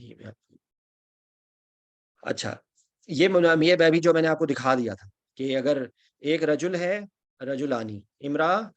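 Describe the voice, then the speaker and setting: A man teaching an online Quran grammar class, patiently explaining and reciting lists of Arabic word forms, checking in with his students often. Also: medium pitch. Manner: patient, repeats "theek hai?" to check understanding.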